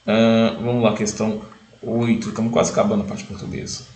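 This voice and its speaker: A man's voice: fairly low pitch, little pitch movement, brisk, a little mellow. A man, casually walking through exam questions, reading them aloud and checking each answer as he goes. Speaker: exam-prep video host.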